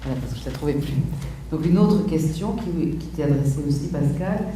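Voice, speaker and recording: A man's voice: on the high side, lively intonation, a little fast, mellow, slight background noise. A man moderating a panel who reads out a question from the audience. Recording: distant, echoey room mic.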